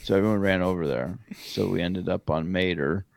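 A man's voice: sits low, a little fast, gravelly, no echo. A man co-hosting a podcast, telling a rambling trip story in casual chat and correcting himself as he goes. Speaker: podcast co-host.

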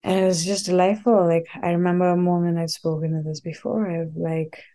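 A woman's voice: on the low side, little pitch movement, brisk, dark tone. A woman from India, a guest telling a personal story earnestly and thoughtfully, with many "like" fillers.

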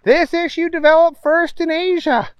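A man voicing a perky TV newswoman reading the news in a high, bright tone. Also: steady tone, moderate pace, dry recording, dull audio. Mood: chirpy. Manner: bright, chirpy newsreader delivery. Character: perky TV newswoman, adult woman.

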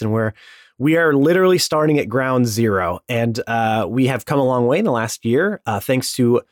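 A man's voice: medium pitch, no echo, clean studio sound. A man hosting a podcast, giving a casual, playful plug with rambling asides. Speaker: podcast host.

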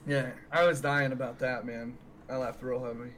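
A man's voice: medium pitch, flat delivery, normal speed, a bit bright, a little hiss or hum. A young American man bantering casually as a podcast co-host, talking like a frat bro with plenty of slang and swearing.

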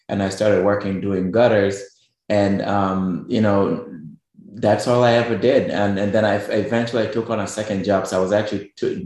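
A middle-aged Kenyan business owner with a Kenyan accent appears as a guest on a radio interview, speaking casually with plenty of fillers and restarts. His voice is lowish and somewhat dark, and the audio has heavy reverb.

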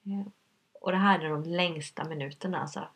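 A woman's voice: low-pitched, slightly rough. A woman telling a personal story in conversation, hesitant and earnest, with many fillers. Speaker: guest.

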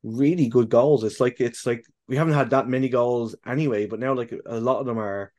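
A man with an ordinary mid-range voice co-hosts a relaxed podcast chat. He talks in halting bursts, restarting sentences and leaning on fillers, and swears casually. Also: mid-range voice. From the UK and Ireland. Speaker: podcast co-host.

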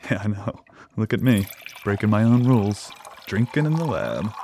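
A man's voice: lowish voice, lively intonation, moderate pace, mellow, slight background noise. An actor playing a shy, awkward man who stammers while nervously hosting a dinner date. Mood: sheepish.

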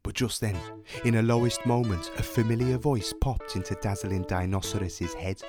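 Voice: medium pitch, fairly even intonation, moderate pace. Storyteller narrating over music. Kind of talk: scripted children's fantasy narration.

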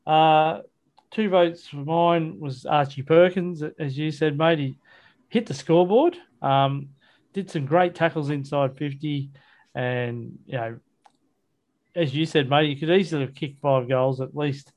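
A slightly high, darkish male voice, unhurried in pace, belongs to an Australian podcast host chatting casually about football. He goes over the match in a colloquial, matey, blokey way.

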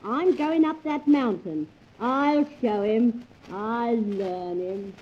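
A scolding wife with a high voice, played by a woman, bossy and determined. The record is dull and lo-fi, with faint ambience behind her. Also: takes it slowly, slight background noise. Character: determined English wife chasing her husband.

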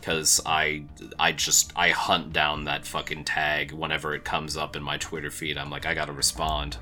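A man's voice: a bass voice, completely flat delivery, normal speed, sharp tone, faint music behind. A man co-hosting a casual podcast, loose and joking, swearing often and laughing. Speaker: podcast co-host. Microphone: own mic, recorded separately.

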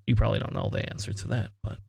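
A man's voice: fairly low pitch, little pitch movement, racing, creaky, warm tone, breathy edge, dry recording. A man hosting a tabletop game podcast in casual chat, joking and swearing now and then, his speech slightly slurred from a numbed sore throat. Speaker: podcast host.

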